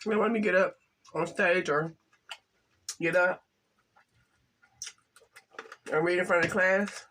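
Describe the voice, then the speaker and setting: Older lady doing a mukbang chat, shy and halting, a little hiss behind. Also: on the low side, fairly even intonation. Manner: halting, soft-spoken, speaks of camera shyness. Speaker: mukbang vlogger. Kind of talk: casual eating chat to camera.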